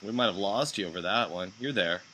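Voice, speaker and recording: A man's voice: lowish voice, fairly quick, bright, forceful tone, slight background noise, poor audio. A man hosting a casual live stream chat, making wry, skeptical asides. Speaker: show host.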